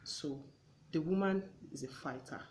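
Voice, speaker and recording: A woman's voice: low-pitched, a little slow, background noise. Earnest woman talk-show host. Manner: earnest, advising, acts out everyday exchanges. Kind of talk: conversational talk show discussion.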